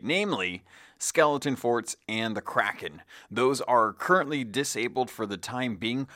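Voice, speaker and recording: A man's voice: mid-range voice, pushed and bright. A man hosting a podcast, reading scripted gaming news in an announcer-like way. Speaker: podcast host.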